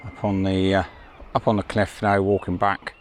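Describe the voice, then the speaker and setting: A landscape photographer narrating his outing in a rambling, halting way, talking outdoors on a beach and up on coastal cliffs. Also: low-pitched, level tone, faint music behind. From United Kingdom. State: out of breath. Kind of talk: casual vlog narration.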